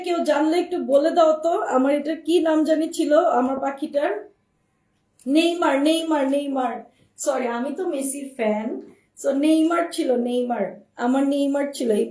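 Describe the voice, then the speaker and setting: A high, soft-toned woman with a cold-roughened voice runs a live dress showcase. She chats and loops back over her points for her viewers. She sounds set back from the mic, with a roomy echo around her. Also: distant mic. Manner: chatty, addresses viewers directly, repeats herself. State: hoarse from a cold. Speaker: online clothing seller. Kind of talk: live-stream product showcase.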